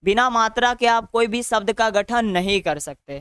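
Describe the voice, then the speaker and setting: A male teacher with a Bihari Hindi accent gives an online grammar lesson, drilling students by asking questions, answering them himself and often tacking on a tag question. His voice is high, a bit bright and smooth at normal speed, in clean studio quality with no room sound.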